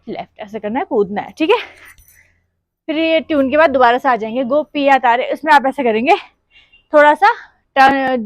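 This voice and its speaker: High-voiced woman counting dance steps. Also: no echo. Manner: counts steps aloud while demonstrating, sings song lines softly. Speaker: dance teacher. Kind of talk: step-by-step dance lesson.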